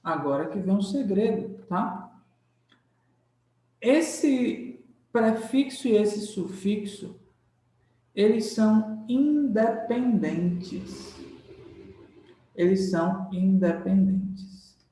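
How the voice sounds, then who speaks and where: Slow-talking teacher in an echoey room. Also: male voice, high-pitched, expressive, dark tone. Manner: drawn-out explaining, frequent "tá?" check-ins. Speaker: Portuguese grammar teacher. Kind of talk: classroom lecture. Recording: very echoey room, mic far off.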